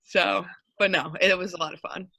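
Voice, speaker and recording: A woman's voice: fairly low pitch, steady tone, moderate pace, gravelly, bright, forceful tone, husky, dry recording, low-quality recording. A young woman in her twenties, a basketball coach, talking casually and upbeat in an interview, rambling with lots of fillers.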